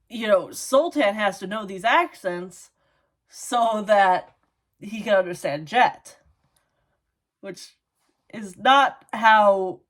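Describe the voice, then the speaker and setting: A woman's voice: medium pitch, fairly bright tone. A woman with a Minnesotan accent, chatting casually through a book review and padding her talk with "like" and "you know". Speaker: book vlogger.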